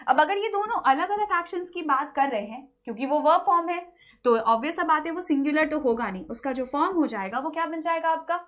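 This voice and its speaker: A woman teaching English grammar in an online lecture, explaining in Hindi mixed with English, asking questions and answering them herself, and slowing down to read example sentences. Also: high-pitched, animated, fairly bright tone.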